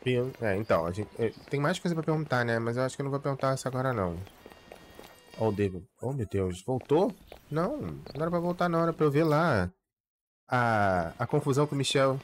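A man's voice: medium pitch, animated, fast talker, a little hiss or hum. A man, a gaming channel host giving casual, rambling commentary. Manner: rambling, self-correcting chatter.

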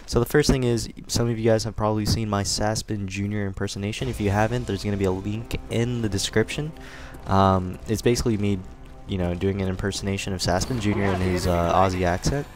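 A man's voice: on the low side, little pitch movement, a little fast, faint music behind. A young man giving casual, rambling commentary over a video game, thanking his viewers with many fillers and restarts. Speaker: gaming commentator. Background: game gunfire.

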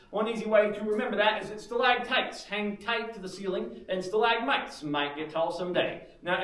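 A tour guide talks in a light, joking way. His fairly high voice rings with cave echo and is picked up from a distance in a big underground chamber. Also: fairly bright tone. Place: inside a large underground cave.

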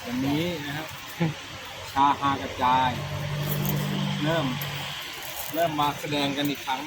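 Over very heavy background noise, a middle-aged man with a slightly high voice speaks a little slowly and fairly evenly. As host of a comedy storytelling show, he casually spins comic tales, chatting away, repeating himself and dropping crude slang.

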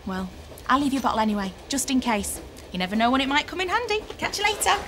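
A woman's voice: sits high, very animated, fast talker, background noise. A woman playing a chatty, eager bus worker in a children's TV show.

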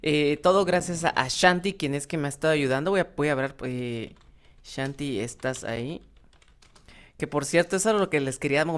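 A woman hosting a gaming channel, giving rambling, casual gameplay commentary with lots of fillers and restarts, often addressing viewers directly. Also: low-pitched. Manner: talks to viewers as "chicos".

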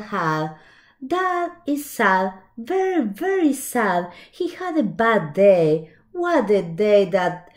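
In a small shelved room, a storytime reader with a medium-pitched voice shares a picture book with little kids. Her pace is very slow and lively, and she keeps stopping for asides and questions to the children.

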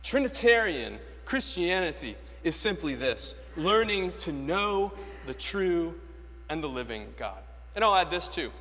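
A fairly high, bright-toned voice with big pitch swings belongs to an Anglican priest from Florida, USA, who preaches a little slowly from a lectern. The large church interior is echoey with long reverb, and his emphatic sermon leans on rhetorical questions and repeated key phrases.

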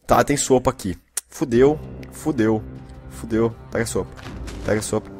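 A young man from Brazil commentating a video game, excitable, switching between loud bursts and hushed whispers. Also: mid-range voice, normal speed. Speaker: gameplay commentator. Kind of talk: Minecraft let's play commentary. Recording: faint game music behind.

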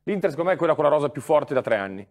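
Fast talking guy breaking down transfers, opinionated, football show. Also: fairly high pitch, big pitch swings, darkish tone. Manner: quick, opinionated analysis. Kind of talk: casual football talk show.

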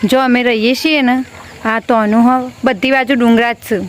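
A woman's voice: a little high, fairly even intonation, normal speed. A woman chatting casually to the camera on a village rooftop as a family vlogger, talking into a handheld phone and filling her talk with friendly little filler words. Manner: chatty, keeps adding a friendly filler word.

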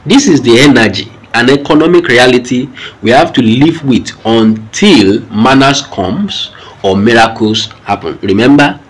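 A man's voice: mid-range voice, animated, a little slow, low-quality recording. A man with a Nigerian accent giving news commentary in an explanatory way.

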